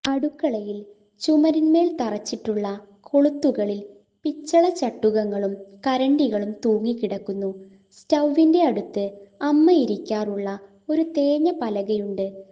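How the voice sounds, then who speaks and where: A woman narrating a literary short story in a measured, expressive storytelling manner. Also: fairly high pitch, highs cut off.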